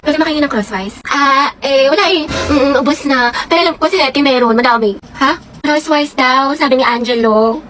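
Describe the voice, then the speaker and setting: A woman's voice: high-pitched, brisk, a bit bright. A woman from the Philippines acting in comedy skits, talking in a giddy, gossipy, teasing way, with music playing under her voice. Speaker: comedy skit performer. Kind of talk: comedic skit dialogue.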